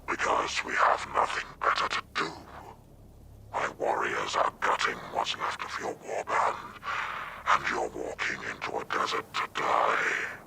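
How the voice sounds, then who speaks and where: Narrator putting on a very deep taunting warlord, drags every word, staticky vox. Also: male voice, little pitch movement, creaky, bright, forceful tone, full character voice. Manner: slow, calculating, mocking then coolly curious. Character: menacing enemy warlord taunting over a vox link. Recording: crackly vox transmission with heavy noise.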